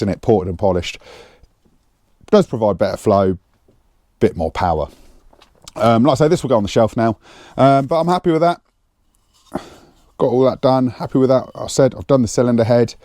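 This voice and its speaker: A man's voice: medium pitch, animated, normal speed, long pauses, warm tone, no room sound. A man chatting casually while working on an engine in his garage, thinking aloud with lots of fillers, on a clip-on mic. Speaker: home mechanic vlogger. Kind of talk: casual workshop chat. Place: home garage. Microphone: clip-on lapel mic.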